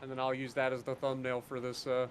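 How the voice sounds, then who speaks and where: A man's voice: mid-range voice, completely flat delivery, fast talker, a little hiss or hum. A man streaming a train game, chatting casually and swearing now and then. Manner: laid-back, swears casually. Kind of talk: casual gameplay chat.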